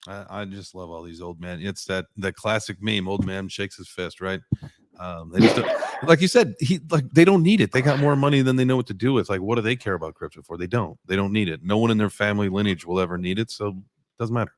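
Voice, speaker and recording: A man's voice: on the low side, quick pace, dry recording, clean studio sound. A man hosting a talk show in an informal, jokey, chatty way. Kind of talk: casual chat.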